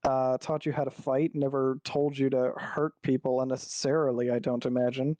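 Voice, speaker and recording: A man's voice: medium pitch, flat delivery, a little fast, mellow, no echo. Dry-voiced rambling game master man. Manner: rambling, thinks aloud with many fillers. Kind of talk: narrating a tabletop game online.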